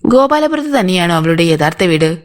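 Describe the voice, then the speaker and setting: Stern male police inspector played by a woman, firm, interrogating, lowish voice. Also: very animated, fairly quick. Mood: questioning. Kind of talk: audiobook character voice.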